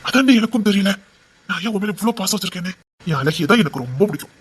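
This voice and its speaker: A young man playing a husky, devoted lover. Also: sits high, expressive, racing. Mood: affectionate. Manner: pleading, affectionate coaxing. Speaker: actor. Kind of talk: web series drama acting.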